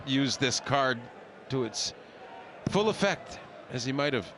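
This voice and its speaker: A man's voice: mid-range voice, expressive, unhurried. A man co-commentating live on darts, analysing the play. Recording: loud crowd and arena noise.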